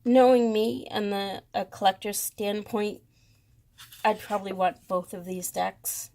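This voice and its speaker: Woman, Boston accent, unhurried, creaky voice, casual card walkthrough. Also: mid-range voice, fairly even intonation, darkish tone. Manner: slow, hesitant, lots of ums, gushing. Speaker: tarot deck reviewer.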